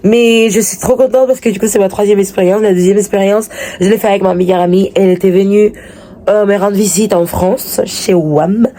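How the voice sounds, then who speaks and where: A woman's voice: medium pitch, steady tone, fairly quick, dark tone, a little hiss or hum. A woman chatting casually to camera as a vlogger, hesitant and often repeating her words and phrases.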